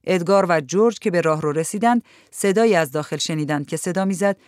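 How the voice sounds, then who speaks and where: A woman narrating a literary novel in a calm, measured storytelling voice. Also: on the low side, clear, resonant tone, dry recording, studio quality. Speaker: audiobook narrator.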